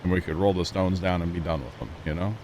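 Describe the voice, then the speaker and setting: A man's voice: sits low, quick pace, slight background noise. A man on a livestream, talking casually into a headset mic while he plays a farming game and greets his chat. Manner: greets chat viewers casually, relaxed and chatty.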